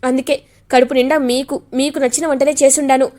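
A woman voicing a caring young woman of the house who soothes and coaxes the family, in a high voice. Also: level tone, a little fast, a little mellow, lightly acted. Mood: gentle. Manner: soothing, coaxing.

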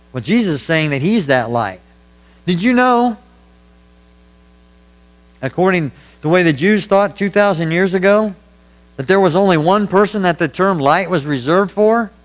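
Male pastor, higher-pitched, earnest emphatic sermon delivery, faint hum on the track. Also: lively intonation, moderate pace, long pauses, poor audio. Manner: earnest, emphatic preaching with repetition. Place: church.

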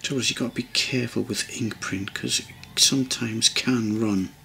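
A man's voice: medium pitch, fairly even intonation, normal speed, vocal fry, pushed and bright, a little hiss or hum. A man casually narrating a model-building tutorial at his workbench, rambling and hesitant with many ums and restarts. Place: hobby workbench indoors.

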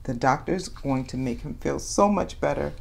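Her voice is deep and gravelly, moving at a moderate pace, as this woman reads a picture book aloud to children. She brings the story to life with animated drama, playing up every question and exclamation for the little ones.

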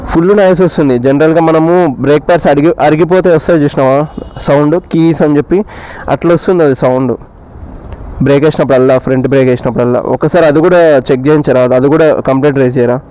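This casual vlog chat comes from a man whose Telangana Telugu accent is peppered with English words as he motovlogs. His higher voice stays steady and mellow while he talks fast, captured in low quality over faint vehicle noise.

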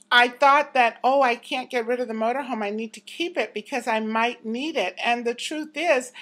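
Speaking close to a handheld camera in her apartment, a vlogger in her fifties talks casually and reflectively to her viewers in a personal vlog. Her high-pitched voice has a fairly bright tone, and she's chatty and quick to laugh.

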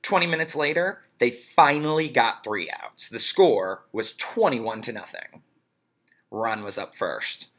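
A man reading a children's storybook aloud, playful and expressive. His voice is bright and animated, with a wide lively pitch range. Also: measured pace. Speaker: reader.

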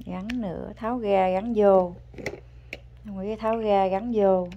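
A woman chatting at home with her toddler as a mother, coaxing and praising in a patient, gentle way. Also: mid-range voice, steady tone, normal speed, highs cut off, background noise. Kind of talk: casual family chat to a small child. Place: home, indoors.

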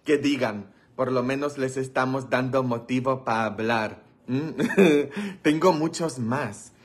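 A priest, chatting playfully with viewers on a livestream, teasing them and laughing often. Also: male voice, medium pitch, takes it slowly, slightly rough. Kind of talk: joking livestream chat with viewers.

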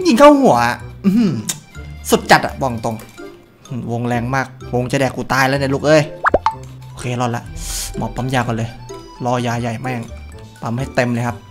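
A young man giving casual gameplay commentary while shooting, brash and boastful, swearing freely and bursting into loud shouts at kills. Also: medium pitch. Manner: brash, profane, boastful trash talk. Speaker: gameplay streamer.

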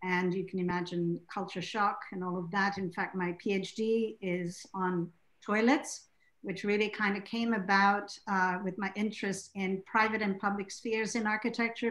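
Woman, mid-pitched, on a video call from a room with echo. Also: fairly bright tone. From Zimbabwe. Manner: gracious, measured. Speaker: panelist. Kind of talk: academic panel discussion. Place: room with bookshelves. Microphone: laptop video call. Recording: roomy video-call audio.

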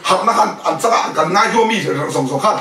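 A male preacher with a high-pitched, pushed, bright voice speaks briskly and animatedly during a sermon at an indoor house fellowship, with faint music behind him. He keeps quizzing the listeners and mixes English words in, his voice distant and echoing in the room.

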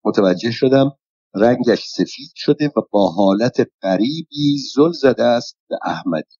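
A man narrating an audiobook in an even, measured first-person storytelling reading. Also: medium pitch, breathy edge, no echo. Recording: dull, lo-fi dry recording.

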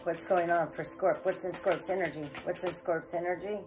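There is music in the background as a forties-aged woman with a head cold reads tarot to camera indoors, beside an electric fireplace. She rambles casually and calls her viewers "guys," speaking at normal speed in a lowish voice with fairly even intonation.

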